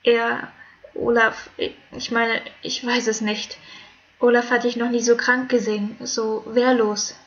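A woman voicing an anxious, tearful young princess who talks haltingly. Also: fairly high pitch, level tone, a bit bright, muffled recording. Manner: anxious, faltering.

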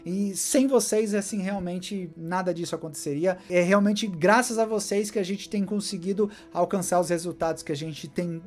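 A man, giving a heartfelt, animated year-end thank-you to camera from a home studio. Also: high voice, normal speed, few pauses, soft background music. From Brazil. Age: 40s. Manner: warm, gesturing animatedly, emotional. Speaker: tech YouTuber. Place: home studio with gaming chair and collectibles.

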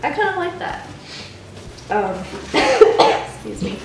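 A congested young vlogger sits on her bedroom couch, opening a gift box for her dogs and talking to them in a relaxed chat. She has a high, sing-song, gravelly voice and takes her time; the camera mic is far away, leaving the roomy, off-mic recording very noisy, with music in the background.

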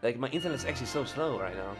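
Loud music sits behind this expressive, rapid-fire medium-pitched voice. It's a young man in his twenties from the Netherlands with a Dutch accent, chatting loosely on a live stream with lots of fillers and swearing, using a boom-arm studio mic in a small dark room indoors.

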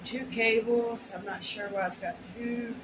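A middle-aged woman vlogs a haul from home, chatting casually through an unboxing in a rambling, folksy way with muttered asides. Her voice sits on the high side, steady and unhurried. The camera or phone is a short distance off in a small bare room, giving a roomy echo and clear background noise.

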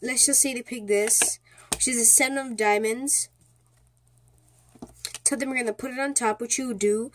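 A speaker giving a casual, step-by-step card trick tutorial in an informal, repetitive way, often checking in with the listener. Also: medium pitch. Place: indoors at a small table.

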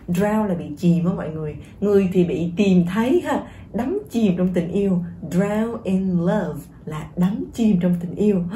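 A woman teaching English pronunciation through a song, with a very dark, mellow voice. She encourages her viewers and repeats each word slowly to show how it is said. The recording has a roomy echo. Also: mid-range voice, slight background noise.

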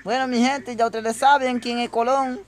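High-pitched guy doing a goofy game playthrough, chatty w viewers, keeps freaking out. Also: normal speed. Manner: excitable, often breaking into panicked shrieks; chatty, addresses viewers directly. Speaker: gaming youtuber. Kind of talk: comedic gameplay commentary.

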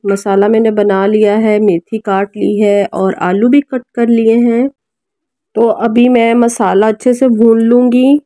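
Warm-voiced Pakistani woman vlogging. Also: on the high side, level tone, unhurried, dry recording. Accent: Pakistani Urdu. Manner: chatty, keeps addressing viewers with requests. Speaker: family vlogger and mother. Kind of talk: casual cooking vlog narration. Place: home kitchen and family room.

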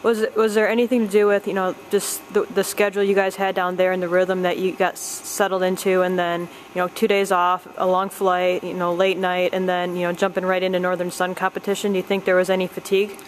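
Flat, low-voiced woman interviewer. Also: a little fast, few pauses, slight background noise, low-quality recording. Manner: even, flat questioning with "you know" fillers. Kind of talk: postgame interview questions.

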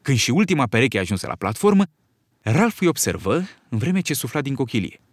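Male storyteller, lively, expressive intonation, dry close studio sound. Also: mid-range voice, dry recording. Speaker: audiobook narrator. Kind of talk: scripted narration.

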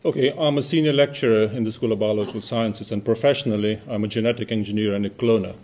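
Low-voiced, measured male lecturer. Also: fairly even intonation, darkish tone. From Uganda. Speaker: senior lecturer. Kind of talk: panel discussion answers.

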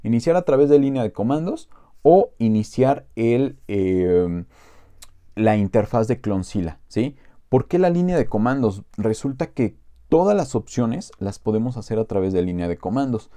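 A man with a Mexican Spanish accent casually walking viewers through a software tutorial, rambling with many fillers and asides. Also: medium pitch, very animated, moderate pace. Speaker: tech tutorial host.

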